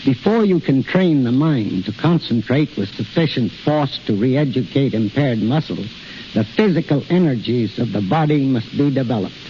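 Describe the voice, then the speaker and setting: Heard through the hiss and muffle of a 1930s radio recording, a middle-aged institute head is the guest in a scripted interview. He speaks with formal precision in a medium-pitched, expressive voice at a moderate pace.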